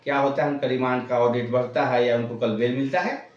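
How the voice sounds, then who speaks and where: A man's voice: medium pitch, steady tone, fairly quick, far from the mic, highs cut off. A man giving an impassioned political monologue to his viewers, urging them on and repeating phrases for emphasis. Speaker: political commentator. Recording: echoey room, voice from the mic.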